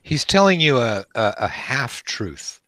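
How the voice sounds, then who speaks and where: A man narrating a tabletop game as game master, haltingly, searching for his words as he improvises. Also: medium pitch, sing-song, a bit bright, no room sound. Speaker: game master, host of the live play.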